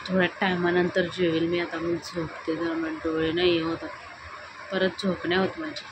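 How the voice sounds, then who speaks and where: A woman's voice: lowish voice, level tone, moderate pace. Young woman vlogging on her phone, chatty and teasing, noisy background. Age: young adult. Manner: chatty, teasing, calls out loudly to husband. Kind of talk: casual home vlog chat. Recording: home recording with clear background noise.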